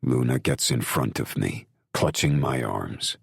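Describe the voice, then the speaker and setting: Brooding male audiobook narrator; extremely deep, gravelly, slow, first-person and intense. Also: dry recording, studio quality.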